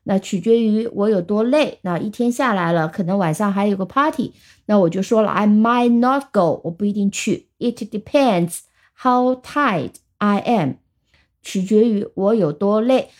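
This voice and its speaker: A woman teaching vocabulary, explaining patiently and reading the example sentences slowly. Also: medium pitch, a little mellow. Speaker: English teacher. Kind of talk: vocabulary lesson.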